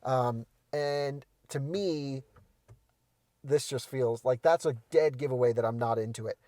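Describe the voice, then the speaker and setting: A man's voice: medium pitch, unhurried, dry recording. Blunt opinionated man reviewing a car. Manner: blunt, opinionated, animated critique. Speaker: co-host reviewing cars. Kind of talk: casual car review chat. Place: inside a parked car.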